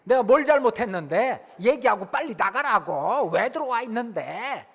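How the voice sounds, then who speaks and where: A man voicing an angry teenage kid who shouts rudely at a parent to get out. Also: extremely high pitch, big pitch swings, normal speed, breathy edge, pitched above the performer's own voice, heavily acted. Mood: yelling. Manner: yelling, exasperated, rude. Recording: long church reverb.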